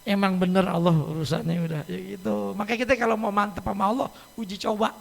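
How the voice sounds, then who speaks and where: A man's voice: sits high, fairly even intonation, fast talker, creaky. A man giving a casual, joking sermon as an Islamic teacher in a mosque, often laughing as he talks. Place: mosque hall. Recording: echoey mosque hall.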